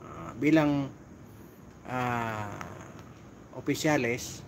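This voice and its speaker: A man's voice: medium pitch, very slow, noisy background. Chatty middle-aged Filipino-speaking man streaming. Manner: chatty, greets viewers with shout-outs. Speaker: vlogger on night volunteer watch duty. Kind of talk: casual live-stream chat. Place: outdoors at a gate at night.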